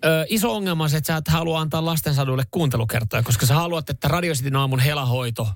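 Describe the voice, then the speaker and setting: A man's voice: fairly high pitch, no echo, clean studio sound. A man hosting a radio morning show podcast, chatting casually and often restarting his sentences.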